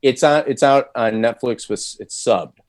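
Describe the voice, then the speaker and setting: A voice actor appears as an interview guest, talking casually and thoughtfully in a mid-range voice at a measured pace. His speech has many fillers and restarts, recorded cleanly in a studio with no room sound.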